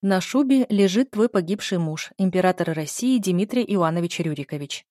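A woman's voice: fairly low pitch, expressive, normal speed, mellow, dry recording, clean studio sound, lightly acted. Commanding floating spirit woman, as a reader puts her on. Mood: cool, knowing. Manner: commanding, imperious. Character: stern mysterious floating female spirit, about thirty. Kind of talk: audiobook character voice.

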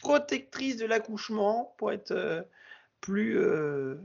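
A man's voice: sits high, expressive, slow pace, gravelly, lo-fi sound. A man co-hosting a podcast, chatting casually and hesitantly with many fillers and restarts. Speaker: podcast co-host. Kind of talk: casual chat.

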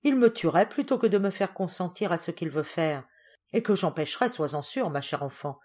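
A woman voicing a kindly, motherly governess in a storybook reading, speaking in an earnest, measured way. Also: fairly low pitch, animated, a little mellow.

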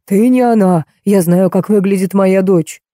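A woman reading an audiobook, voicing a deranged old man in a wheelchair who shouts accusations and repeats himself. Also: mid-range voice, unhurried, no room sound, clean studio sound, natural voice. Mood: raving.

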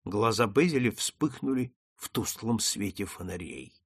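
A man narrating a classic story in an expressive, theatrical manner. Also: lowish voice, unhurried, slightly rough, no room sound, clean studio sound. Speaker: audiobook narrator.

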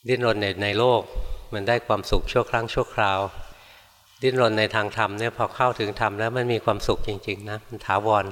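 An older monk teacher gives a calm, unhurried Dharma talk in a lowish voice, with a long reverb tail. As he responds to listeners' practice reports, he gently admonishes them.

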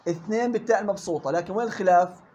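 Quick high-voiced Levantine Arabic teacher. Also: male voice, mellow, dull audio, slight background noise. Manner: quizzes students with quick questions, colloquial explanations. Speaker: Quran recitation teacher. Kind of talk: classroom lesson.

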